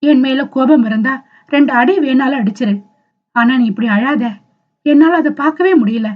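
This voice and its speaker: Earnest young guy in love, pleading, kinda teary, woman doing his lines, highish, lo-fi. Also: normal speed. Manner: pleading, tearful.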